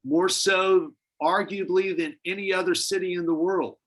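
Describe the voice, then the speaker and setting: A man's voice: sits high, fairly even intonation, moderate pace, fairly bright tone, rough recording. Man teaching a Bible study, conversational. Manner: conversational, speculative, many restarts. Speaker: pastor.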